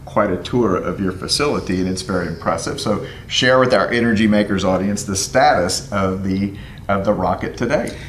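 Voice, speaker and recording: A man hosting an interview show, upbeat and quick with short affirmations. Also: deep voice, slight background noise. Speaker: show host. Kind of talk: interview host. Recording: roomy sound with faint music.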